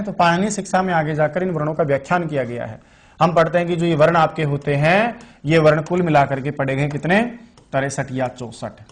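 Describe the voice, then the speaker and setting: A man teaching Sanskrit grammar in an online exam-prep lecture. He asks questions and answers them himself, and repeats the key terms. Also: sits high.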